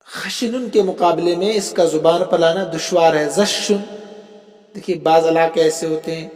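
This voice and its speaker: A man's voice: fairly high pitch, steady tone, a little mellow. A male religious scholar giving a classroom lecture, explaining step by step and often asking the students whether they follow. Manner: explains step by step, often checks understanding with questions. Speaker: religious scholar teaching Arabic rhetoric. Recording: echoey room with long reverb, faint music.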